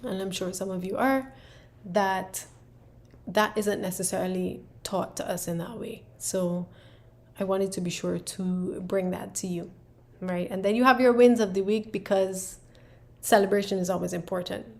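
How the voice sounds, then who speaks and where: A planner creator from Barbados, speaking with a Barbadian accent, casually walks viewers through her planner in a relaxed way, full of "um" and "right?" tags. She has a mid-range voice and a moderate pace.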